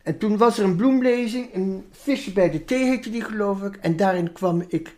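A woman illustrator speaking reflectively in an interview, often trailing into softer tones. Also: medium pitch, normal speed. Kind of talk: interview conversation.

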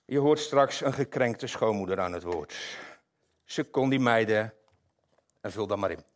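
Guy preaching, reads scripture then stops to explain stuff to the church, lively. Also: on the low side, a little slow. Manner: lively, explanatory, asides to congregation. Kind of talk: sermon with Bible reading.

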